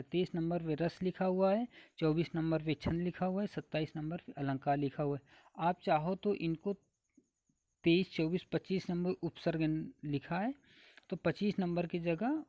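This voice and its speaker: A man teaches an exam-prep grammar lesson, going item by item through a numbered list. He asks his own questions and answers them, repeating each point. His voice sits a little high and sounds dry and close. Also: dark tone, dry recording.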